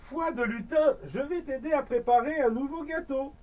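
A man's voice: extremely high pitch, normal speed, darkish tone, far from the mic, muffled recording, voice pushed up. A man doing a greedy cheerful little elf. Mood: helpful. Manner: sing-song, playful. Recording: voice a bit off-mic.

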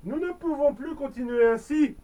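A woman's voice: high-pitched, moderate pace, mellow, distant mic, pitched above the performer's own voice, lightly acted. A woman voicing a poor, worried father in a children's story, grave and earnest.

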